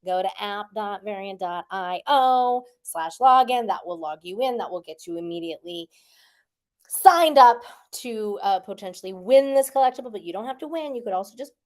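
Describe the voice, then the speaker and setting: A woman's voice: mid-range voice, lively intonation, normal speed. A middle-aged woman hosting a weekly livestream, chatting casually with viewers in a rambling, playful way full of fillers.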